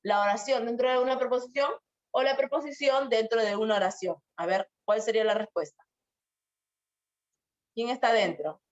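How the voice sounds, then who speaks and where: A woman's voice: fairly high pitch, moderate pace. A young woman teaching a grammar lesson to school students, asking questions and drawing out her examples. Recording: muffled lo-fi sound.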